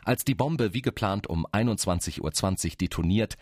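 A man with a low voice narrates a documentary from a script. He is sober and factual, and the recording is close and dry. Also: lively intonation, moderate pace, a little mellow, breathy edge, dry recording.

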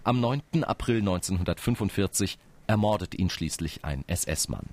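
A man's voice: deep voice, expressive, moderate pace, darkish tone. A man reading a scripted documentary narration in a sober, factual manner.

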